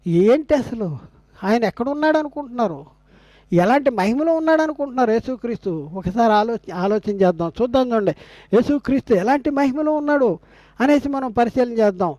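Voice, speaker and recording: An older man from India teaching a Bible class as a sermon, firing rhetorical questions, repeating phrases and slowing down to quote scripture. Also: very high-pitched, expressive, dark tone, no echo. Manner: slows down when quoting scripture.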